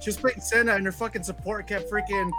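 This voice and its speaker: A young man chatting excitedly and slangily with friends on a podcast, swearing freely. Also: high-pitched, fast talker, soft background music. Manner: excitable, slangy, swears, puts on a nerdy voice at times. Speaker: podcast co-host. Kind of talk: casual chat among friends.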